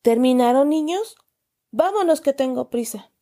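A woman voicing a stern, pompous middle-aged uncle who loudly lectures children with exaggerated indignation. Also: sits high, lively intonation, unhurried, pitched above the performer's own voice. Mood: scolding. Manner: loud, scolding, exaggerated indignation.

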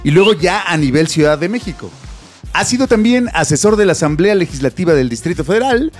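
Un hombre con acento mexicano, anfitrión de podcast, bromeando y leyendo en voz alta con orgullo fingido. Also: male voice, sits high, lively intonation, brisk, soft background music. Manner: playful, reads aloud with mock pride. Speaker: podcast host. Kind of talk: casual chat.

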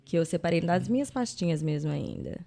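A woman's voice: lowish voice, animated, brisk, vocal fry, mellow. A woman podcast host with a Brazilian Portuguese accent, chatting casually and often finishing her guest's sentences.

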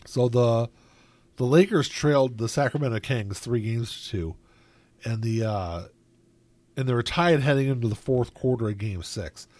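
A man's voice: mid-range voice, normal speed, a little mellow, no room sound. Rambling man, dry close sound. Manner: rambling, many filler words. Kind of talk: casual chat.

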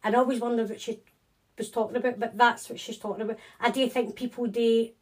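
A woman's voice: fairly high pitch, flat delivery, fast, darkish tone. A woman with a Scottish accent, a psychic medium talking casually and reassuringly as an interview guest. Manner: chatty, reassuring, with frequent restarts.

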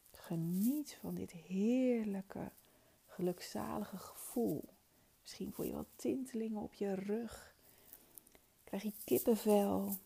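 A woman leading a guided meditation in a soft, soothing, spa-like whisper, gentle and breathy. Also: medium pitch.

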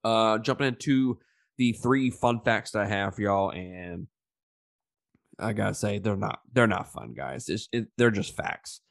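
A man with a lowish voice that sounds stuffed up, as if pinching his nose and talking through his mouth. He hosts a casual movie review podcast with loose slang and swearing. The recording is close and dry. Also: measured pace, creaky, no echo. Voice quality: congested nasal, pinched-nose sound from blocked sinuses. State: stuffed up with a sinus infection. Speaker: podcast host.

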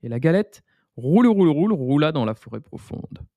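Man, bedtime story narrator, gentle and unhurried, slightly high pitch, dry recording. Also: very animated, no echo. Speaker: story podcast host.

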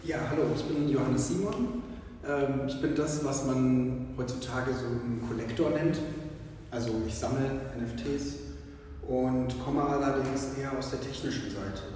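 Mellow-voiced man in an echoey hall. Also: mid-range voice, moderate pace, slight background noise. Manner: explanatory, with fillers. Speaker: interviewed collector. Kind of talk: casual interview answers. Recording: echoey hall, mic at a distance.

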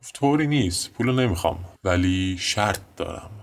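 An actor playing a young male student who recounts a chaotic night in a weary, deadpan monologue. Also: sits low. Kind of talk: dramatic monologue.

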